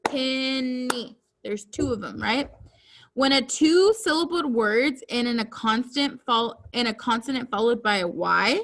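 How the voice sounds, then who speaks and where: A woman teacher giving a reading lesson to children, speaking deliberately and enunciating each word clearly. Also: on the high side, lively intonation, a bit bright.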